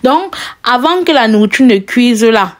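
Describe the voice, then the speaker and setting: A woman's voice: a little high, animated, normal speed. A woman from Cameroon with a strong Cameroonian French accent, chatting to viewers as she cooks, asking them questions and laughing often. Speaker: cooking vlogger. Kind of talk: casual cooking vlog.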